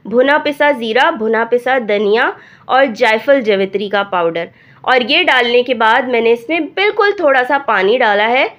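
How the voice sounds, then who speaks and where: A woman narrates a home cooking recipe in a calm, step-by-step way. Her somewhat high voice is hoarse from a cold. The voice-over has a dull, lo-fi sound. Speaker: cooking channel host.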